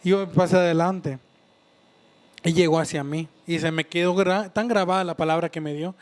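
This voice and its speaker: High-voiced man giving testimony. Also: fairly even intonation, clear, resonant tone. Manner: earnest, halting, with frequent restarts and repeats. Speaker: church member giving testimony. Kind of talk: personal faith testimony.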